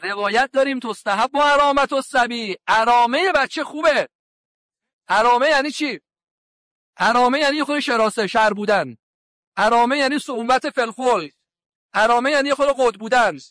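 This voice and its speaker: A male cleric delivers a sermon in a strikingly high voice and a colloquial manner. He from around Qom and retells conversations, voicing the lines of the people in his stories. The sound is close and dry, with no room echo. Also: a bit bright. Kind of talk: sermon with anecdotes.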